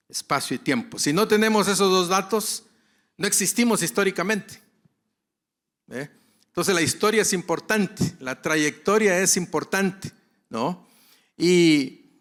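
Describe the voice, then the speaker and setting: A man with a fairly high voice delivers a conference lecture to other pastors at an unhurried pace. He leans on repetition to drive his points home. He often poses a question and answers it himself. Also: a bit bright. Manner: rhetorical, repeats key phrases for emphasis.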